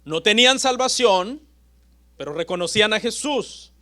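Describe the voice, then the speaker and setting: A man preaching a sermon as pastor, with dramatic pauses and swings between loud and soft. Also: sits high, expressive.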